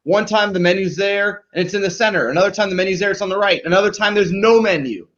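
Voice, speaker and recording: Talking quickly in a high, somewhat bright voice, this live marketing show host presents and critiques material in a casual, emphatic way. He keeps tacking on questions to get listeners to agree, and the recording sounds dull and lo-fi.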